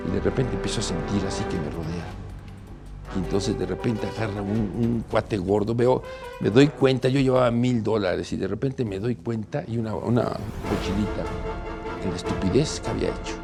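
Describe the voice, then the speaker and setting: Mexican man, anecdote monologue, gravelly voice, faint music underneath, lively storyteller. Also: mid-range voice. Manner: animated storytelling, acts out the voices of others.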